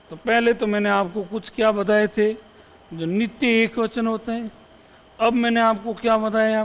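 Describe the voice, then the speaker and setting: A man's voice: sits high, long reverb tail. A male Hindi grammar teacher giving an exam-prep lesson, repeating example phrases and checking in with the students after each one. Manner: poses questions to the students.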